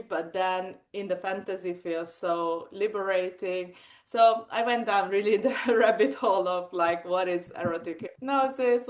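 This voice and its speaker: A woman in her forties from Hungary, speaking English with a Hungarian accent, telling her story animatedly in an interview with many fillers. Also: mid-range voice. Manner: animated, lots of fillers and acted-out quotes. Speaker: guest, sex coach and hypnotherapist. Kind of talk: casual interview chat.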